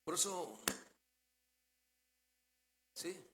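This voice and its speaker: A man preaching a sermon as pastor, asking rhetorical questions and answering them himself, shifting between quiet asides and loud declarations. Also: high voice, animated, very slow, long reverb tail, background noise. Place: church sanctuary.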